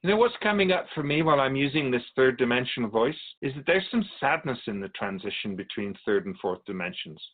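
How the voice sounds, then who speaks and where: A male actor, appearing as a guest in a radio drama, voices a calm and wise otherworldly keeper of souls who teaches in measured explanations. Lightly acted in a mid-range voice, the delivery carries a sad, lonely mood over narrow, tinny sound.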